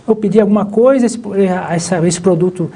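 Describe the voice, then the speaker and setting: A male professor with a Brazilian Portuguese accent explains logistics in a live online class, rambling and restarting often in a lecture-chat style. His voice is high-pitched and warm, and he talks briskly.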